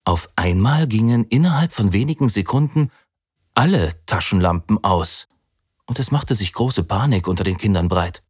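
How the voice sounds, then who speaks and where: A man reading a children's story aloud in an expressive, dramatic way. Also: on the low side, normal speed, breathy edge, no room sound, clean studio sound.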